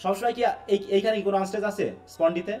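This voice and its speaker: A man with a Bangladeshi Bengali accent runs a live online English class, explaining through repetition and testing his students with questions. He speaks in a high, mellow voice at a racing pace, with faint music playing behind him.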